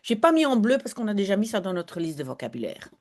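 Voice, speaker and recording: A woman teaching Dutch in an online lesson, chatty, slowing down to model pronunciation. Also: medium pitch. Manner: chatty and lively, apologizes for digressions, models pronunciation slowly.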